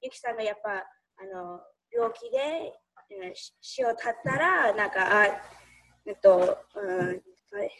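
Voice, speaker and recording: Woman, casual film chat, hesitant, many fillers, fry in the voice. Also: medium pitch, very animated, unhurried, fairly bright tone, poor audio. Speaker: discussion participant.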